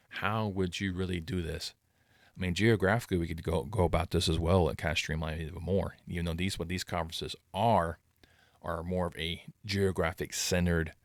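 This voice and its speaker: Low, gravelly-voiced male sports vlogger. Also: no room sound, studio quality. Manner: rambling, self-deprecating, calls himself monotone. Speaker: sports channel host. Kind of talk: casual commentary vlog.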